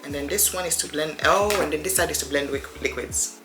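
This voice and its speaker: A woman's voice: low voice, a little fast. A woman in her thirties chatting as a beauty vlogger while doing her makeup, rambling and addressing viewers as friends. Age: 30s. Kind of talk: get-ready-with-me casual chat. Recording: roomy echo with faint music behind.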